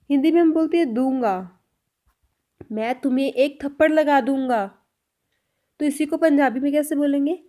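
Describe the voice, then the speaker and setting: A woman giving a spoken language lesson, patiently explaining and saying example sentences slowly, then repeating them. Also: high voice, warm tone. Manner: clear, patient explanation addressed to viewers. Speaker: language teacher.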